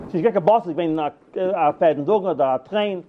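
High-voiced man on tinny line. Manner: halting, repeats and restarts words, animated. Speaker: storyteller. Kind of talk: rambling personal anecdotes.

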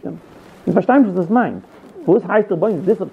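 A man's voice: high-pitched, lively intonation, fast, creaky, breathy edge. A man teaching a Bible story, retelling it with acted quotes and frequent restarts. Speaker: Torah teacher. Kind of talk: Yiddish-flavored Bible lesson. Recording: tinny phone-like line.

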